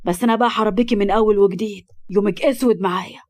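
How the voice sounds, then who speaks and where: A woman's voice: mid-range voice, rapid-fire, darkish tone, close to an everyday voice. A woman with an Egyptian accent voicing a jealous, controlling young husband who speaks harshly and threateningly. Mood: angry. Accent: Egyptian Arabic.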